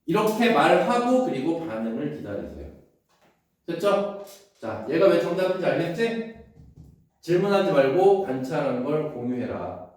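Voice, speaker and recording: A man's voice: fairly high pitch, sing-song, a little mellow. A man teaching an English exam passage to students in a classroom, often checking that they follow and switching between polite and casual speech. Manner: keeps checking understanding with quick questions. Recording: very echoey room from a distance.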